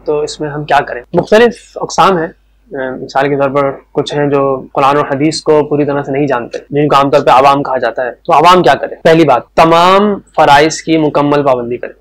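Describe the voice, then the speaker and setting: Man, fairly high voice, religious teacher, patient explanatory lesson, repeats key words.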